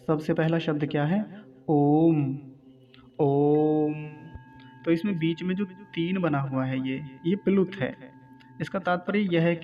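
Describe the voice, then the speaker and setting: Recorded with lo-fi sound, a slightly high-voiced Vedic recitation teacher leads a pronunciation lesson. He lengthens each syllable of the Sanskrit verses and checks in with questions to the class.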